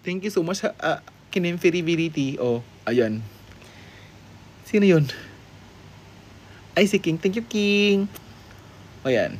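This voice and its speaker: A man from the Philippines hosting a live-stream guessing game, playful and sassy, greeting viewers and teasing answers with sudden high exclamations. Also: lively intonation, slow pace, pauses often, raised voice. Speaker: livestream host.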